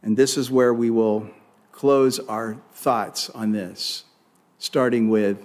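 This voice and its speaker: A man's voice: mid-range voice, fairly even intonation, slow, darkish tone. A male pastor preaching a sermon, reading scripture aloud with rising force and leading the congregation in response. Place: church sanctuary.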